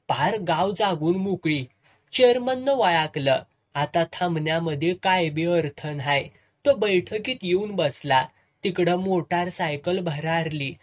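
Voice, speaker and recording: A storyteller reading a serialized village novel aloud with vivid, earthy narration. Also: medium pitch.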